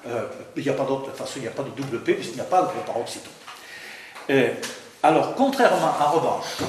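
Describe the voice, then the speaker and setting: Man lecturing in a very echoey hall. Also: medium pitch. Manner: hesitant, repeats words, stammering restarts. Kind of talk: academic lecture. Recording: very echoey room, faint background noise.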